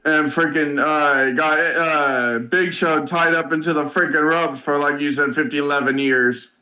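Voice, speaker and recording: A man casually recapping a wrestling match, halting with many fillers and swearing often. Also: fairly high pitch, fairly even intonation, sharp tone, poor audio. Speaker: wrestling reviewer. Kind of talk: casual podcast chat.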